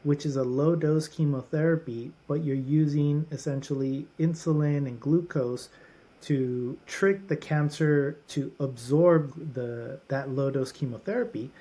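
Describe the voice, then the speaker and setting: A man's voice: a little high, a little slow, mellow. A man who is a doctor at a holistic clinic, a guest on a podcast, explaining treatments in runs of lists with frequent restarts.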